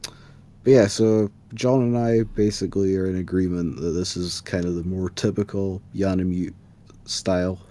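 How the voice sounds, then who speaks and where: A man with a very deep, mellow voice co-hosts a casual podcast. He tosses in dry, wry asides with an offhand ease. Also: fairly even intonation, moderate pace. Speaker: podcast co-host. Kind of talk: casual chat about music videos.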